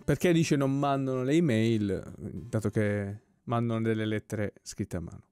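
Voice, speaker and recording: A man giving casual let's-play commentary, relaxed and puzzled, with joking asides about what happens on screen. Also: lowish voice, moderate pace, smooth. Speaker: gameplay commentator. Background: soft game music.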